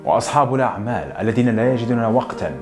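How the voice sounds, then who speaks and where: A man's voice: medium pitch, animated, over music, natural voice. A man reading a scornful divorced woman. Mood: indignant. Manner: scornful, cutting, rapid-fire questions. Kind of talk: audiobook narration.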